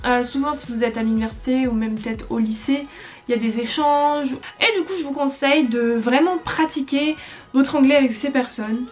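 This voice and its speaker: A woman's voice: on the high side, a little mellow. A woman in her twenties chatting casually to camera with lots of fillers and hesitations, giving tips on learning English. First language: French. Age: 20s. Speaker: YouTuber. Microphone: compact camera.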